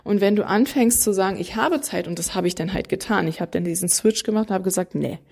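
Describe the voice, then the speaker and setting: A mother of three in her thirties talking straight to viewers, animated and emphatic, acting out what others say. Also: medium pitch, fast talker. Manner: animated, emphatic, acts out quotes. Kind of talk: casual talking to camera.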